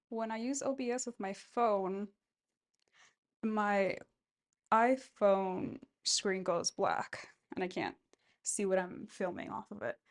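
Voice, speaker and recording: A woman vlogging casually while she does chores, thinking aloud in a rambling way. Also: mid-range voice. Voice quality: gravelly vocal fry. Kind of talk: casual, rambling self-filmed chat while cleaning.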